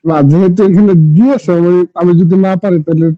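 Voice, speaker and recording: A man's voice: high voice, steady tone, quick pace, dry recording, highs cut off. A man taking part in an online class as a student, asking questions and repeating words back.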